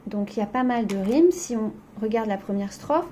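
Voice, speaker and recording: A woman's voice: on the high side, expressive, normal speed, dark tone, slight background noise. A woman teacher going over a poetry exercise in a recorded lesson, explaining step by step with frequent "donc" and "hein".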